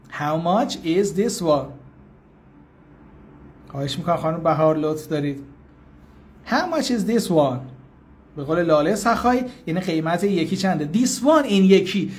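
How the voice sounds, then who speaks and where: A man teaching English in a live online lesson. He reads out viewers' names, explains patiently and informally, and repeats English phrases slowly. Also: high voice.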